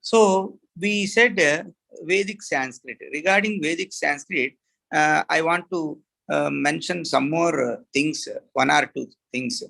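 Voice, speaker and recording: A middle-aged man with an Indian English accent, teaching a Sanskrit class in a slow, halting way with many fillers and restarts. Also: fairly high pitch, creaky, pushed and bright, rough recording. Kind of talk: online class lecture.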